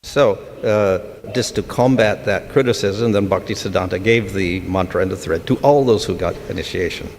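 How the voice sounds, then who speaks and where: Slow, gravelly man lecturing in a hall. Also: low-pitched. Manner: measured, with short pauses. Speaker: spiritual teacher. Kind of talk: scripture lecture with translation. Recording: reverberant hall with faint noise.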